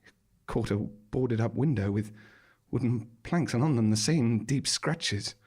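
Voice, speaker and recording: Medium in pitch, darkish and slightly rough, the man's voice moves at a measured pace. He is a monologue performer acting out a scripted first-person story on a small theatre stage during a live performance, with an arch, droll, dramatic manner.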